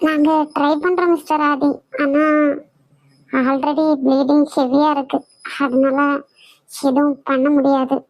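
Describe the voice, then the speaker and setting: A woman voicing a calm, businesslike female hospital doctor in a cartoon drama, delivering bad news in a measured, clinical way. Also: high voice, dry recording, rough recording. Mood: grave.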